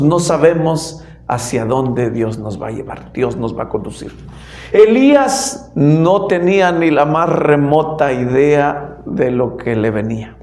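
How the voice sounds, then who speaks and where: A man, a lay pastor, preaching a sermon in a church, telling stories with emphatic swings between loud and soft. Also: on the high side, echoey room.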